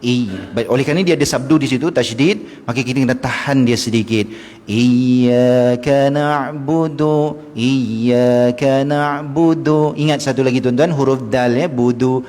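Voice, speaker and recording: A middle-aged religious teacher gives a lecture in a mosque. He slowly chants short passages as examples and then explains them, often turning to his audience. His voice has a mid-range pitch and rings with the long reverb of a large hall. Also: darkish tone. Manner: addresses the audience directly and often. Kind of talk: mosque lecture on Quranic pronunciation.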